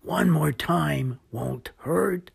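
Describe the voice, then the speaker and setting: A woman's voice: low voice, very slow, gravelly, slightly rough, exaggerated voice. A woman voicing a worried young hippo. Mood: doubtful. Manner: worried and doubtful. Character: anxious hungry young male hippo.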